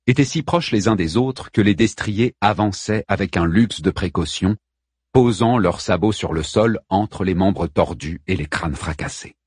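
A man reading an audiobook in a measured, dramatic narration. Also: on the low side, breathy edge, no room sound, studio quality.

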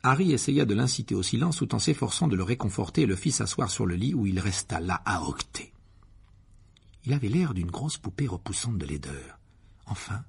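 Husky, gravelly male audiobook narrator. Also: low-pitched. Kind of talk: scripted storybook narration.

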